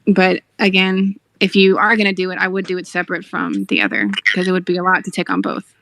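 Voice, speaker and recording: Woman on the stream giving steady advice, lowish voice, dry close sound. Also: brisk, no echo. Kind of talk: casual advice chat.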